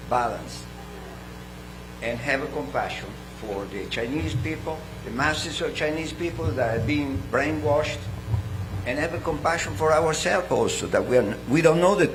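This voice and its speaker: A man from Italy with an Italian accent, speaking from the floor at a seminar in a slow, halting way and clearing his throat often. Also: on the high side, animated, music in the background, poor audio. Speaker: audience member.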